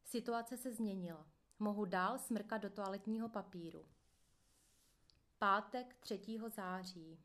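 A woman narrating a first-person memoir in a steady, earnest manner. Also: medium pitch. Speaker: audiobook narrator.

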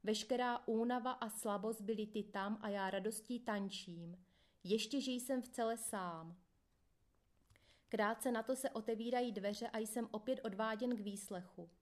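A woman narrating a first-person memoir in a steady, plain reading voice. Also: a little high. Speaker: audiobook reader.

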